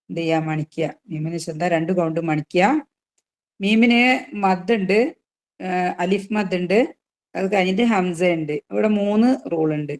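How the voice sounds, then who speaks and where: A woman teaching a tajweed class, patiently explaining rules and asking students questions, drawing out recited examples slowly. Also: fairly low pitch, a little mellow.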